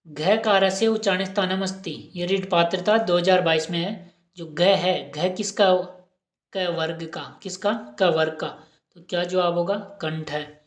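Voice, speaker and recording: A woman's voice: fairly low pitch, fairly even intonation, measured pace. A woman teacher giving an exam-prep lesson, asking questions and repeating each answer aloud. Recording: roomy echo.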